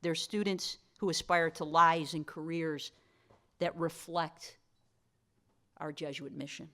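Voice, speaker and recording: A woman's voice: low voice, steady tone, takes it slowly, pushed and bright. A woman delivering a formal awards-dinner speech as the college's host, with playful asides to the audience. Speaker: college president giving dinner remarks.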